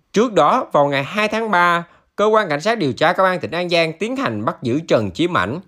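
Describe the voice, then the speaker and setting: A man narrates a news report from a script. His voice sits fairly high for a man and moves with animated intonation. The delivery is formal, in the manner of a channel news reader.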